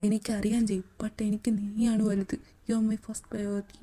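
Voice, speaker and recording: A woman's voice: a little high, fairly quick, warm tone, close to an everyday voice. A woman voicing a worried young husband in a fan audio drama, pleading and tender with his wife.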